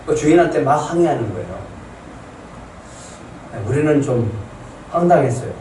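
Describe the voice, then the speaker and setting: A male pastor preaching a Sunday sermon, telling stories and acting out people's complaints with animated shifts in voice. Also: medium pitch, normal speed, echoey room, far from the mic, a little hiss or hum, poor audio. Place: church sanctuary.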